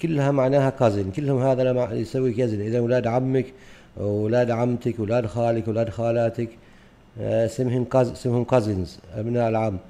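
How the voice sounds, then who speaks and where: Very dark-voiced teacher. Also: male voice, medium pitch, steady tone. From Oman. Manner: patient, hesitant, many drawn-out fillers. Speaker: English teacher. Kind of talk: explaining a textbook unit.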